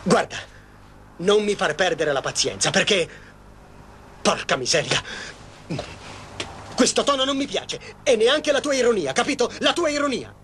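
Soap opera crook: middle-aged, bossy, short-fused, high-pitched voice, old noisy TV soundtrack. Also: male voice, expressive, measured pace, pauses often, pushed and bright. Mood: angry, menacing. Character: domineering, short-tempered middle-aged male lover and crook. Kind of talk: dubbed TV soap opera acting.

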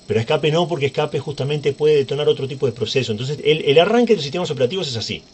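This tech tutorial presenter talks very fast in a fairly high, slightly mellow voice, with a bit of background noise behind him. His screen-recorded computer lesson is casual and chatty, and he frequently checks in with viewers.

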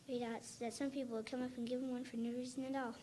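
A woman reading a storybook aloud on stage at a school program in a church hall, steady and careful. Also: high-pitched, fast talker, a little hiss or hum. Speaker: student narrator.

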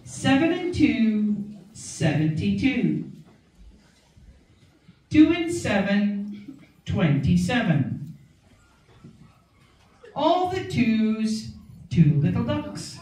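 An older woman working as a bingo caller, announcing numbers in measured, sing-song calls over a PA in a large hall. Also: a little high, big pitch swings, mellow. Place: large indoor function hall full of bingo players. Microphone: PA system picked up by a distant camera. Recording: echoey hall PA from far off, room noise.

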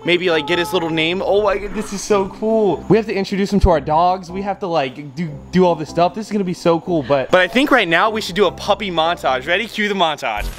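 Young guy vlogger, chatty and excitable, slightly high voice, music in the background. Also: fast talker, few pauses. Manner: excitable, chatty, talks to his puppy and viewers. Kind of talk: casual vlog.

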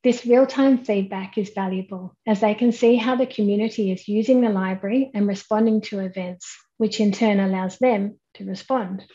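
A woman, giving a measured, explanatory conference keynote over a webcam. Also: medium pitch, fairly even intonation, dark tone, dull audio. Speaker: keynote speaker. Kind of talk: online conference presentation. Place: indoors at home, plain wall behind. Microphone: webcam at desk, head and shoulders framing.

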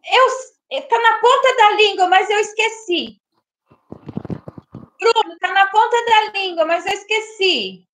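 A woman hosting a casual live stream, exclamatory and quick to laugh, greeting viewers by name. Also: very high voice, a bit bright.

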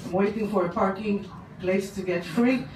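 On a small, dark stage, a middle-aged woman from Poland with an Israeli accent tells a personal story, gesturing animatedly as the audience laughs. Her voice is medium-pitched at a normal pace. A handheld mic on a stand and a distant camera capture it, so the sound is roomy, far-off and noisy.

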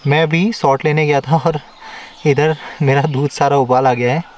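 Higher-voiced man vlogging outdoors. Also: fairly even intonation, normal speed, a little mellow, slight background noise. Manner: chatty, explains each step to viewers. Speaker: camping vlogger. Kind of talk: casual vlog narration to camera. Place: outdoors at a forest campsite in the hills.

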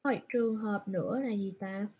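A woman's voice: mid-range voice, a little fast, warm tone, breathy edge. A woman teaching Japanese in an online class, patiently asking questions and answering them herself. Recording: screen recording from a browser.

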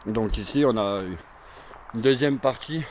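A man's voice: medium pitch, measured pace, a little hiss or hum. A man in his forties walks through an abandoned campsite, talking casually to his action camera with lots of fillers and repeats. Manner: chatty, rambling, many fillers and repeats. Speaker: urban explorer vlogger. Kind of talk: casual walking commentary to camera. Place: outdoors at an abandoned burned campsite. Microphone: handheld or chest action camera.

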